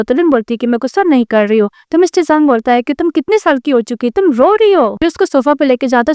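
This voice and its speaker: A woman retelling a drama's plot in a fast, steady storytelling voice, mixing in many English words. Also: sits high, clear, resonant tone, dry recording, clean studio sound. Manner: rapid, even storytelling with many English loanwords. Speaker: drama recap narrator.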